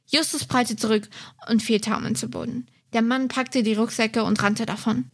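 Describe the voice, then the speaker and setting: A woman reading a detective story aloud in a steady, measured way. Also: a little high. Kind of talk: reading a novel excerpt aloud.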